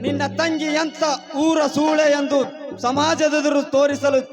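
ಒಬ್ಬ ನಟ ಆಡುವ ನ್ಯಾಯಕ್ಕಾಗಿ ಸೇಡು ತೀರಿಸುವ ತಮ್ಮ, ನಾಯಕ, ತುಂಬಾ ಎತ್ತರದ ಧ್ವನಿಯಲ್ಲಿ ಆರೋಪದ ರಂಗ ಸಂಭಾಷಣೆ ಹೇಳುತ್ತಾನೆ. ಹಿಂದೆ ರಂಗಸಂಗೀತ ಸ್ಪಷ್ಟವಾಗಿ ಕೇಳುತ್ತದೆ. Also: male voice, extremely high pitch, level tone, unhurried. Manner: forceful accusing stage declamation. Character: righteous avenging younger brother, hero. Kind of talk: stage drama acting. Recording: stage music behind.

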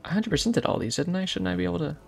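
A soft-spoken young man giving casual, rambling gameplay commentary with jokey asides. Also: sits high, racing, creaky, breathy edge, soft background music. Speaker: gaming YouTuber.

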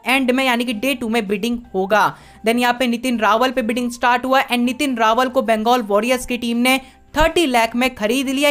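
A woman's voice: fairly high pitch, a bit bright. A woman narrating a voice-over recap of a sports auction, listing results one after another and mixing English words into her Hindi.

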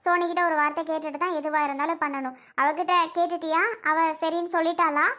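A middle-aged mother who firmly lectures her grown son about asking his wife first, as acted by a woman. She speaks in a very high, bright voice with a steady, scolding tone. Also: quick pace. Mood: lecturing. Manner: firm, lecturing. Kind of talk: family skit acting.

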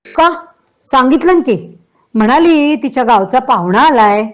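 A woman's voice: high-pitched, expressive, moderate pace, voice pushed up. A woman doing a blunt, fiery older aunt. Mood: teasing, scolding. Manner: loud, scolding, exclaiming. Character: blunt outspoken older aunt, teasing and fierce.

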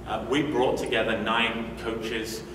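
A British conference speaker in his forties takes it slowly, his medium-pitched voice showing little pitch movement. He speaks conversationally with frequent fillers and restarts in a medium-sized hotel meeting room indoors. The distant room mic yields an echoey, noisy recording.

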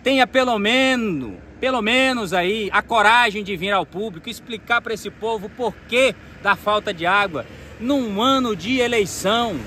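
A man's voice: high voice, normal speed, pushed and bright, a little hiss or hum. A man, recording an outdoor political vlog on a phone by a dam, speaking combatively and calling out the president. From Maranhão, Brazil. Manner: combative, addresses the president directly, gestures emphatically. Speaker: political vlogger. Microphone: phone camera, selfie framing.

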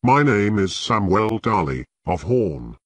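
A man voicing a timid, tearful fat young nobleman recruit who talks in halting, apologetic stammers. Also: lowish voice, big pitch swings, husky, dry recording, heavily acted. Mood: nervous.

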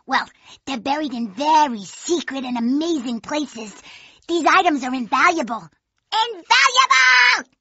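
Casting: wild young female badger in an animated game; feisty, oddball, excitable, wildly swooping pitch, sharp tone. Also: unhurried, creaky, no room sound, lo-fi sound, exaggerated voice. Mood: excited, feisty. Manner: excitable, quirky, exclamatory. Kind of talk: animated video game character acting.

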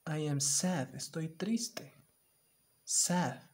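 A male teacher giving an online lesson to small children. He takes his time, speaking slowly and drawing out each word. He acts out every emotion and repeats the English words with strong emphasis. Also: mid-range voice, steady tone, a little mellow.

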